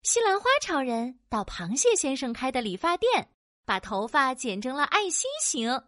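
A woman narrating a children's audio story in a playful, animated way with sound-effect words. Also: sits high, normal speed, dry recording, studio quality.

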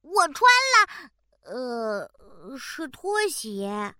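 A woman's voice: sits high, very animated, drawn-out words, sharp tone, clear, resonant tone, dry recording, full character voice. A woman voicing a cheerful, proud little boy bear cub in a children's storybook, playful and sing-song, with sound effects. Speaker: storybook narrator in character.

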